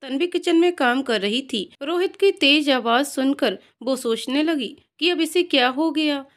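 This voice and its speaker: A woman narrates a scripted moral story in a steady, even reading manner. Her voice sits high for a woman, and her delivery is plain and measured.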